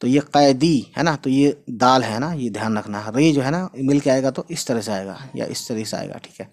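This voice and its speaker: A man's voice: mid-range voice, darkish tone. Chatty man teaching letter sounds. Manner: repeats words slowly, drawn out for pronunciation; chatty, checks in with "right?" and "guys". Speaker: Urdu teacher. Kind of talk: casual online language lesson.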